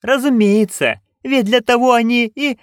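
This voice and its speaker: A man voicing a haughty, scheming duchess in an audiobook, with a commanding, sharp manner. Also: extremely high pitch, normal speed, smooth, no room sound, clean studio sound, pitched above the performer's own voice. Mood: imperious. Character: haughty shrill noblewoman, imperious and scheming. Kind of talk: audiobook character voice.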